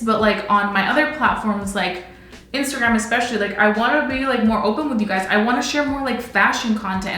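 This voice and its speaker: A woman's voice: medium pitch, a bit bright. A woman in her twenties chatting casually while doing her makeup, filling her talk with "like" all the time. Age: 20s. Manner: chatty, fills with "like" constantly. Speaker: beauty vlogger. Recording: very echoey room.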